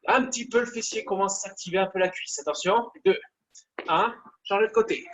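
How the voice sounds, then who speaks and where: A man's voice: high voice, fairly quick, a bit bright. A man coaching a live online workout class, counting down reps and cheering people on. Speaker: fitness coach.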